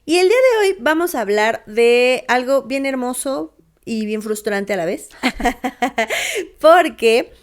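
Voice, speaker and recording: A woman's voice: sits high, very animated, slow pace. A woman co-hosting a podcast, chatting in an upbeat way and laughing often between phrases. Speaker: podcast co-host. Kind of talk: casual podcast chat.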